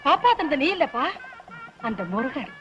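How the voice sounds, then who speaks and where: Melodramatic mother, shrill and wailing, old film sound. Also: sing-song, normal speed, lo-fi sound, music in the background. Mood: pious. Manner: wailing, dramatic. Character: dramatic, wailing middle-aged mother. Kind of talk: film comedy scene.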